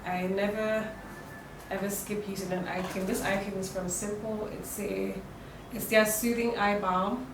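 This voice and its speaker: A young beauty vlogger, hoarse and croaky from a cold, talks viewers through her makeup routine in a relaxed, rambling, chatty way, with many fillers and restarts. Her mid-range voice is unhurried, recorded at home from a distance in an echoey room, with a steady hiss underneath.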